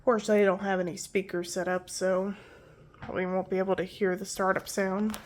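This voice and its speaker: Speaking fast in a flat, mid-range voice, a young woman hosts a tech video about old computer hardware. Pollen allergies make her sound nasal, and she rambles casually, apologizing and correcting herself often.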